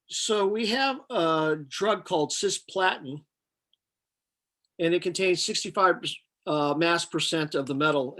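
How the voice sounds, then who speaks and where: Man, slightly high voice, lecturer, step-by-step explanation, halting, thinking aloud, flat matter-of-fact delivery. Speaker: chemistry lecturer. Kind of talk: lecture, working problems step by step.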